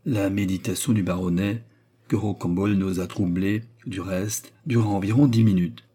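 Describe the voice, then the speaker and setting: Low husky male audiobook narrator. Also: fairly even intonation, mellow. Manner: measured, storytelling. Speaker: audiobook reader. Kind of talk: scripted narration.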